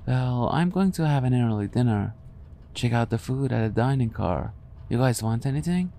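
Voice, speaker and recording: A man voicing a cheerful, enthusiastic woman traveler in a raised, brighter voice. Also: lowish voice, steady tone, moderate pace, close to an everyday voice. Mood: chirpy. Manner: bubbly, enthusiastic.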